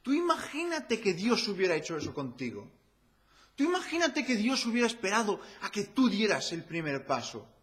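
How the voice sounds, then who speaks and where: A man's voice: high-pitched, very animated, moderate pace, a bit bright. A man with a Spanish accent from Spain preaching a sermon in a church, talking to the congregation with rhetorical questions and a conversational tone.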